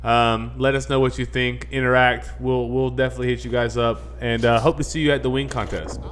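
A man's voice: medium pitch, little pitch movement, a little fast, a bit bright, faint music behind. A man co-hosting a sports podcast in casual chat, laid-back and agreeable.

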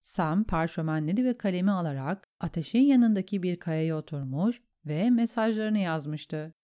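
A woman narrating a fantasy story in a steady, measured way. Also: fairly low pitch, clear, resonant tone. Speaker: audiobook narrator. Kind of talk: scripted narration.

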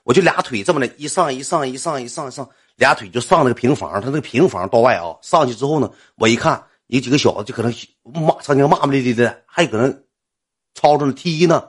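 Fast-talking Northeastern Chinese male storyteller. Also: medium pitch, breathy edge. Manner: rambling, colloquial, animated retelling. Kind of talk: comic storytelling.

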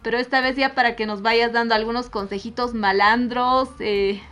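Bolivian woman host, bright highish voice, reflective, lots of "eh". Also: fairly even intonation, normal speed. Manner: reflective and warm, with many fillers. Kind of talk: casual chat.

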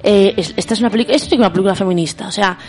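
A woman's voice: medium pitch, very fast. Emphatic young woman co-host. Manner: emphatic, many agreeing fillers. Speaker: podcast co-host. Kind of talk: casual film chat.

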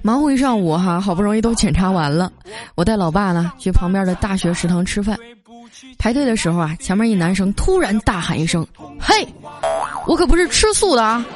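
A woman hosts a comedy story segment in a chatty, lively radio manner. Her voice sits in a middle pitch. Soft music plays faintly behind her. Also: fairly quick. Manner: chatty, lively, sprinkles filler particles.

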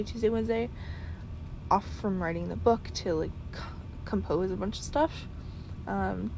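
Rambling tired woman with a gravelly voice. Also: medium pitch, mellow, slight background noise, rough recording. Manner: rambling, many fillers and restarts, talking in circles. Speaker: vlogger and podcaster. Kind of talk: rambling casual monologue.

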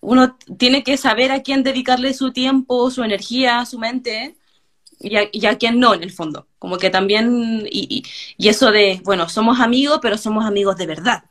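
Chatty Chilean woman, fairly high voice. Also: normal speed. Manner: chatty, animated storytelling with acted quotes. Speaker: guest, hairdresser. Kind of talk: casual interview chat.

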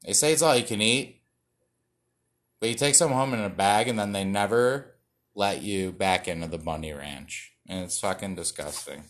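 A young man with a lowish but bright, forceful voice talks through a loose stand-up set read off cards. He rambles, stumbles, swears and mocks himself between jokes. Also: moderate pace. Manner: self-mocking, profane, rambling with many fillers and restarts. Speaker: stand-up comedian.

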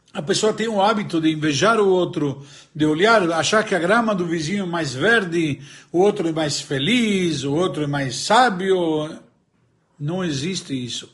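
Lively man telling a teaching story. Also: sits high, unhurried. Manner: animated storyteller, voices characters, searches for words aloud. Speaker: religious teacher. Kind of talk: Torah lesson with told stories and a joke.

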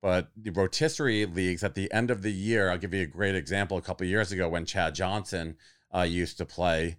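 Deep, smooth-voiced male guest. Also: a little fast, no room sound, studio quality. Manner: relaxed, explains at length with examples. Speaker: guest fantasy football analyst. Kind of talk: casual explanatory chat.

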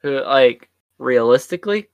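A man's voice: mid-range voice, lively intonation, unhurried, clean tone, no room sound, muffled recording. A tired man co-hosting a podcast, rambling through opinions in casual chat. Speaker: podcast co-host.

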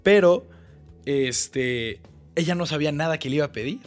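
A young man with a Mexican accent telling a story as a guest in a casual interview, animated and full of quick asides. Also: fairly high pitch, faint music behind. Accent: Mexican Spanish.

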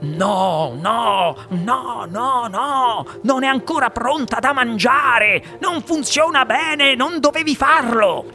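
A reader voicing an excitable, eccentric male inventor in an audiobook, boastful and then panicky. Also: high-pitched, a little slow, faint music behind, voice pushed up, heavily acted. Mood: panicked. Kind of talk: audiobook character reading.

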